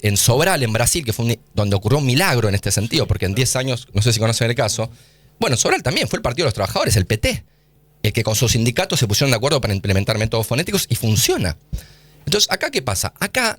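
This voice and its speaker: A man's voice: mid-range voice, dry recording. A man with an Argentine accent, a guest scientist in a radio studio interview, explaining eagerly and using casual slang. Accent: Argentine Spanish.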